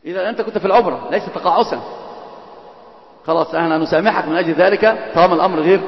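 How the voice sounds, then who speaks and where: A male religious teacher gives an Islamic lesson at a rapid clip, switching between formal classical phrasing and colloquial asides while teasing and quizzing his students. His high voice rings through a long, echoey hall, captured in a dull, lo-fi recording.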